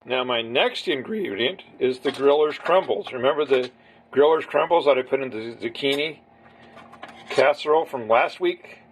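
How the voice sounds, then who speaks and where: A man's voice: medium pitch, moderate pace, slight background noise. A man casually talking viewers through a home recipe step by step, in a rambling, chatty way. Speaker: home cook. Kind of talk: casual cooking demonstration.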